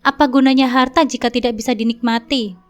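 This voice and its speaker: A woman voicing a rich sixty-year-old village landlord who speaks softly but with assurance. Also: on the high side, steady tone, fairly quick, natural voice. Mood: coaxing.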